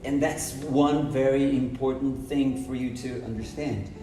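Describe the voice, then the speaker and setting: A Portuguese-speaking English teacher from Brazil explains emphatically in short, repeated phrases on a podcast, his mid-range voice mellow, steady, and a little slow. The distant mic makes it roomy and echoey, and music plays underneath.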